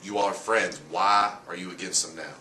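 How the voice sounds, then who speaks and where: A man's voice: sits low, steady tone, normal speed, sharp tone, slight background noise. A man asking informal on-camera questions as a backstage wrestling interviewer.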